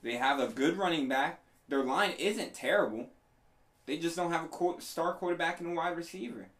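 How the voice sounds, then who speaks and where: A man's voice: a little high, moderate pace. A man hosting casual sports talk, slangy, joking and opinionated, chatting through a haircut. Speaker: host of a sports talk show. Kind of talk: casual banter and sports chat. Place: room during a haircut. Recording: steady electric razor buzz, ambient noise.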